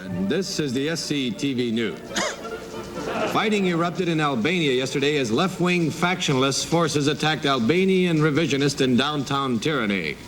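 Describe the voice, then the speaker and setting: Actor as higher-voiced male news anchor. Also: animated, moderate pace, close to an everyday voice. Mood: earnest, formal. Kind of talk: parody newscast reading. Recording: noisy 1970s TV sketch, loud audience laughter.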